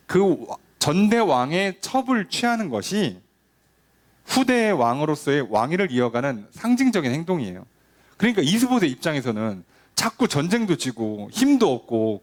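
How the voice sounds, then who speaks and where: A male pastor giving a conversational sermon, often asking the congregation rhetorical questions and acting out quoted lines. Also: on the high side.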